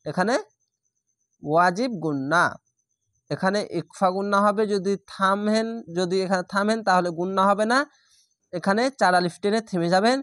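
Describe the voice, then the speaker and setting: A man teaching Quran reading step by step, patiently repeating each rule and slowly drawing out sample syllables. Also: sits high, fairly bright tone, no echo, studio quality.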